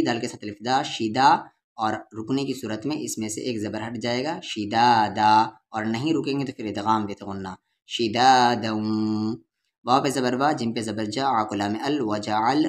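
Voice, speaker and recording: A man with an Urdu-Hindustani accent teaching Quran reading, patiently spelling out syllables and drawing out the vowels. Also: medium pitch. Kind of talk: letter-by-letter recitation lesson.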